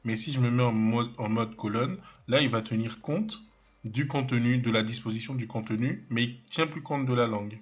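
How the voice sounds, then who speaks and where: A man walks through a screen-recorded software lesson at a mid-range pitch. He stops and restarts often, fills gaps with hesitations, and cracks small jokes about himself. The audio is a little dull and lo-fi. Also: moderate pace. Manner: hesitant, many fillers and restarts, thinks aloud while clicking; self-mocking asides. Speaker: web development trainer.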